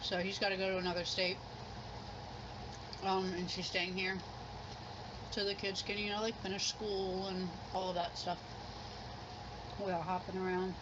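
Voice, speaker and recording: A woman's voice: mid-range voice, little pitch movement, moderate pace, long pauses. A middle-aged woman chatting casually and ramblingly in an eating vlog, sounding unsure of herself. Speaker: mukbang vlogger. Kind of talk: casual chat while eating. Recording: muffled sound with clear background noise.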